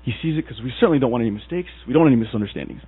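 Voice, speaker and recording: An Egyptian man with a mid-range voice preaches a sermon at a racing pace, telling it as animated stories and acting out the people in them. His husky voice comes through a tinny, dry, phone-like recording with mains hum.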